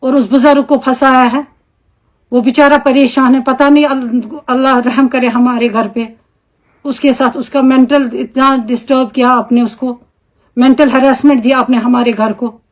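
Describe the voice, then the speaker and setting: Speaking as a homemaker and mother, a Kashmiri-accented woman with a high voice gives an angry video statement. She scolds indignantly and stacks up rhetorical questions, with fairly even intonation at a moderate pace.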